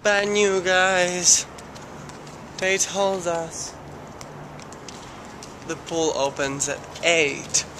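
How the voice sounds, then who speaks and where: A young man with an Italian accent talks through his travel vlog, sleepy and chatty, cracking small jokes. His pace is slow and unhurried. Steady noise sits behind his voice on a handheld recording. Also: high voice. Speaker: vlogger.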